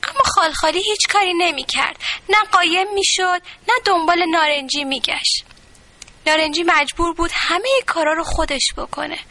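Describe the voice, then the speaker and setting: Bright high-voiced woman reading a children's story.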